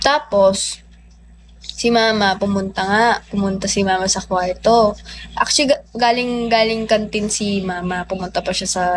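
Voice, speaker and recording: A young woman livestreaming, telling a personal story in a chatty, animated way with lots of fillers. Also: medium pitch, slight background noise. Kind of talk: casual storytelling.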